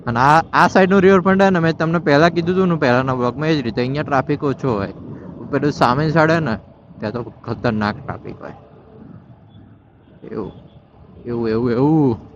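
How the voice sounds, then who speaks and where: A motorbike vlogger with a fairly high voice talks fast as he rides through city traffic, casually commenting, scolding drivers on the wrong side, and dropping Hindi phrases. The lo-fi audio sounds dull, with faint traffic noise.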